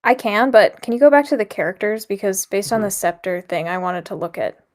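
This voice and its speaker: A woman's voice: mid-range voice, lively intonation, brisk. A woman chatting casually as a friend and co-reader on a visual novel stream, sharing thoughtful opinions. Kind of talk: casual chat.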